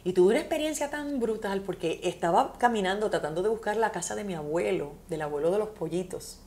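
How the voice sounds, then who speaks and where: Puerto Rican woman author, middle-pitched voice, vivid heartfelt storyteller in an interview. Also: a little fast, darkish tone.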